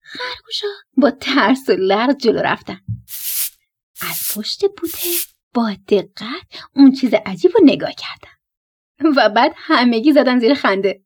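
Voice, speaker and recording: Breathy, lively woman telling a bedtime story. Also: on the high side. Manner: animated, playful, breaking into laughter. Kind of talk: bedtime story narration for children.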